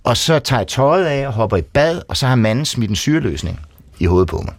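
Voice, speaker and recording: Animated Danish man telling a story. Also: medium pitch, no echo. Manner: lively storyteller, acts out shouting people. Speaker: guest storyteller. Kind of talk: casual chat, telling a personal story. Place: radio studio.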